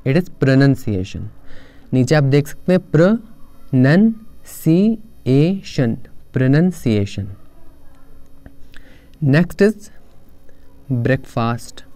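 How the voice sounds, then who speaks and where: A young man explaining pronunciation in a lesson, slowly repeating model words. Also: mid-range voice, dark tone, clear, resonant tone, no echo. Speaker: pronunciation teacher.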